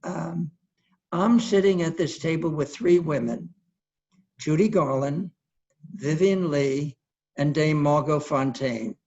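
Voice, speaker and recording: Older man in his 80s, raised gravelly voice, one-man show anecdotes, dull lo-fi stream. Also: fairly high pitch, slow pace, darkish tone. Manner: anecdotal, chatty, acts out quoted people. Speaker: solo performer. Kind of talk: theatrical storytelling monologue.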